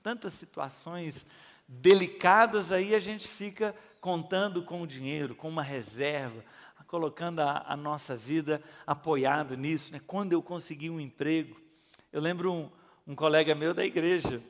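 A man's voice: fairly high pitch, moderate pace, in a large hall. A middle-aged male pastor preaches in a folksy, conversational way, asking the audience questions and acting out voices as he tells stories. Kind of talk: sermon with storytelling.

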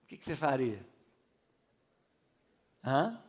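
A man's voice: mid-range voice, sing-song, slow, breathy edge, long reverb tail. A middle-aged male pastor preaches in a folksy, conversational way, asking the audience questions and acting out voices as he tells stories. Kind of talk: sermon with storytelling.

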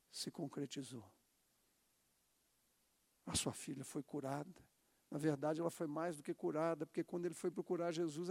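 A man's voice: on the high side, a little mellow, long reverb tail. A man preaching a sermon emphatically, having the congregation repeat phrases.

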